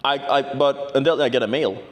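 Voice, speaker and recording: A Norwegian vlogger in his 20s, a native Norwegian speaker, tells a story to the camera at a normal speed in a mid-range voice. His casual storytelling is brash, boastful and profane, and he keeps adding "right?" to the end of his sentences.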